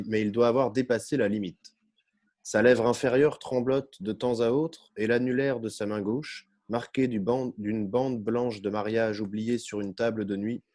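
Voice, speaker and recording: Mellow-voiced man reading a novel. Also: lowish voice. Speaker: narrator. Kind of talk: first-person novel reading.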